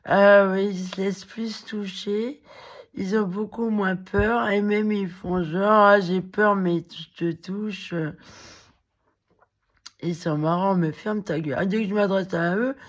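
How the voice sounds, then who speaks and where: A woman with a cracked, hoarse voice, rambling in a halting monologue to the camera, full of fillers and restarts. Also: mid-range voice, fairly even intonation, muffled recording. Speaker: vlogger.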